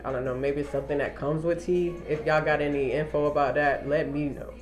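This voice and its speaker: This young vlogger's voice is a little high, with little pitch movement, and he talks a little fast while music plays in the background. Holding the camera at arm's length in a small wood-paneled room, he delivers a laid-back update loaded with slang and free swearing.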